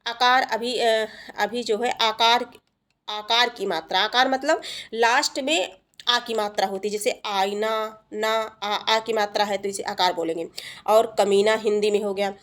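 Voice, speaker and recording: A woman teaching an exam-prep grammar lesson, explaining patiently, repeating points, pausing on fillers and answering her own questions. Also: on the high side, fairly even intonation, a bit bright. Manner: asks the class questions and answers them herself.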